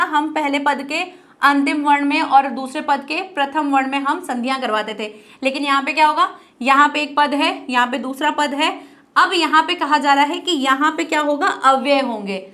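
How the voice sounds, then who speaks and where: A woman with a high voice teaches a grammar class. She goes through it step by step, asking questions and answering them herself, and says the key terms slowly. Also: fairly bright tone. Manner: explains step by step, asks and answers her own questions. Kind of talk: classroom lesson.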